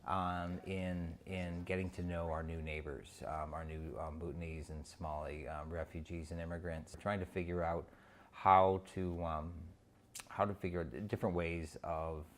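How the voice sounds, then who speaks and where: A man from North Dakota who works in community relations, speaking in a documentary interview with a halting delivery and many pauses. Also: low-pitched, flat delivery, a little hiss or hum. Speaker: city community relations officer.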